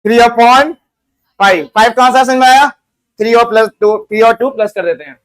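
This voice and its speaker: A man's voice: very high-pitched, fairly quick, fairly bright tone. A man teaching an accounting lesson to a class, coaxing answers out of his students and slipping English terms and figures into his talk. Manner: coaxing, asks students questions and answers them.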